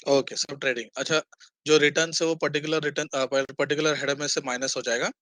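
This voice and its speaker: A man's voice: a little high, steady tone, fast talker, a bit bright, no echo. A man teaching an online accounting class, quizzing students and mixing English terms into his Hindi.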